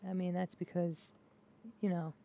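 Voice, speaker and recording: A woman with a fairly low, mellow voice, level tone, and vocal fry vlogs casually while playing a game, speaking at a measured pace. She rambles and hesitates with many restarts and fillers, sounding candid and self-deprecating, recorded on a dull lo-fi mic with faint noise.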